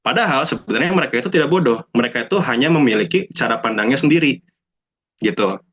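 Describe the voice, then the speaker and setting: Relaxed young man. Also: mid-range voice, fast, breathy edge. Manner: chatty, mixes in English phrases, acts out quoted people. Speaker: alumnus speaker. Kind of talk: casual talk to students. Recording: dull lo-fi sound.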